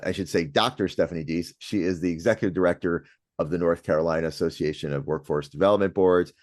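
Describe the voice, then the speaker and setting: A man hosting a podcast, opening the show and introducing his co-host and guest in a brisk, upbeat way. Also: sits low, steady tone, dry recording, studio quality.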